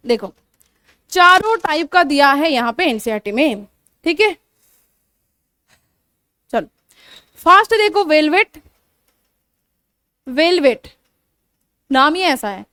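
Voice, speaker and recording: A woman's voice: sits high, animated, takes it slowly, pauses often, bright, forceful tone, no echo, clean studio sound. A young woman teaching biology in a coaching class, explaining terms with frequent check-ins, repeating herself and correcting her own slips. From India. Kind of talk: classroom lecture mixing Hindi and English terms.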